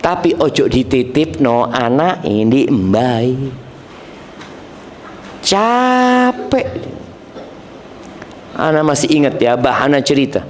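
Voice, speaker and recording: A man's voice: mid-range voice, normal speed, hardly any pauses, darkish tone, slight background noise. A male preacher giving a sermon. He recites Arabic verses and explains them in plain everyday speech, repeating key phrases for emphasis and acting out other people's voices. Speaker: Islamic preacher.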